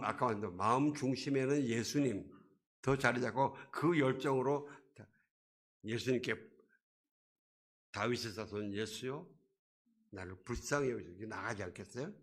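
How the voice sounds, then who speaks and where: A man pastor delivering a sermon in a church. He talks at an ordinary middle pitch and keeps changing his loudness, falling to hushed lines and then rising to loud ones. He often steps into quoted voices to act out a scene. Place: church sanctuary.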